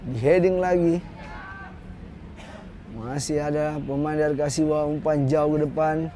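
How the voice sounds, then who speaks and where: A man's voice: a little high, steady tone, a little slow, mellow, a little hiss or hum. A man giving live play-by-play commentary on a football match.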